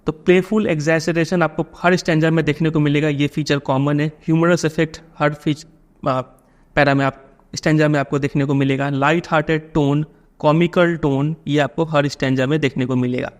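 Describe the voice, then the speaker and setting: An Indian man teaching a poem line by line to his students. His voice sits a little high, and he talks patiently, stopping often to check that they follow. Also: fairly even intonation, moderate pace.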